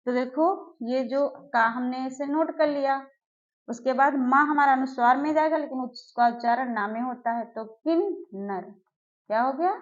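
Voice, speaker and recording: Woman teacher, fairly high voice, slow syllable drills, dull lo-fi sound. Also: steady tone. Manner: slow, drawn-out syllable drills with repeated questions. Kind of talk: exam-prep grammar lesson. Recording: dull lo-fi recording.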